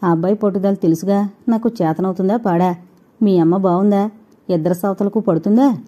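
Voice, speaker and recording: A woman voicing a nosy, sharp-tongued older mother-in-law who pries and needles. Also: medium pitch, a little fast, lightly acted. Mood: prying. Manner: prying, needling.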